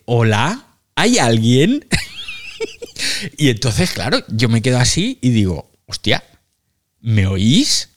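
A man with a Spain Spanish accent hosts a loose live audio chat, talking into a phone mic. He is chatty and self-mocking and drops casual swears. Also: medium pitch. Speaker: podcast host.

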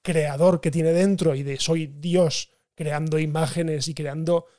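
A man with a Spain Spanish accent talks films in a loose, animated way, laughing as he goes. His voice sits high for a man. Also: slow. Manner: animated, laughing, swears casually. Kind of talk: casual film discussion.

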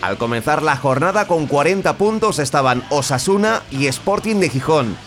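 A man's voice: on the high side, expressive, normal speed, a bit bright. A man narrating a football story in a conversational, scripted storytelling style. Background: guitar and music.

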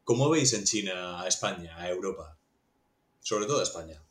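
A man's voice: low voice, expressive, moderate pace. A middle-aged man hosting a podcast interview, asking chatty, winding questions in a casual tone. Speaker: podcast host. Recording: echoey room.

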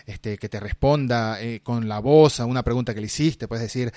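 A man's voice: mid-range voice, normal speed, mellow, no echo. A man hosting a casual interview, joking and laughing easily, recorded close and dry. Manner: jokey, self-mocking, bursts of laughter. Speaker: podcast host.

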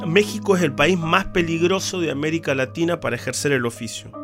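Guy narrating a serious doc podcast, steady and grave, bit high pitched, clear guitar music playing behind. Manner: measured, grave storytelling. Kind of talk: scripted documentary narration.

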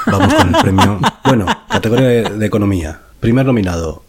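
A man's voice: fairly low pitch, huge pitch swings, fast talker, a little mellow, a little hiss or hum. A man from co-hosting a comedy show, presenting a mock award and explaining stories in a joking way.

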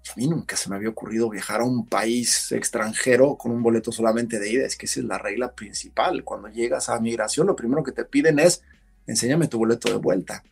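A man, a podcast guest, telling a story in casual conversation, animated and acting out what others said. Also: mid-range voice, quick pace, gravelly, breathy edge. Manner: animated storyteller, acts out shouted quotes.

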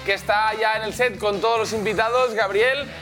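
A man's voice: sits high, fairly even intonation, normal speed. A man with a Spanish accent from Spain hosting a live show in a casual, chatty way. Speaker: host. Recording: music and crowd behind the voice.

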